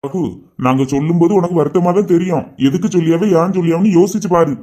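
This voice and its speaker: A man's voice: high voice, fast, warm tone. A man playing a firm, reassuring uncle. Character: steady uncle, calming and advising the family.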